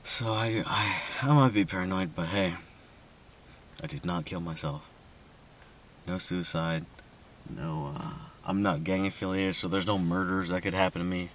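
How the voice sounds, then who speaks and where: A man's voice: low-pitched, fairly even intonation, moderate pace, a bit bright, a little hiss or hum. A drunk man rambling casually in a personal recording, slightly slurring and losing his thread.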